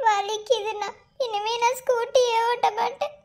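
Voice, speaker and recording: A woman with a Madurai Tamil accent voicing young village women in an animated family cartoon, scolding in quick slang. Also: very high-pitched. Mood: tearful.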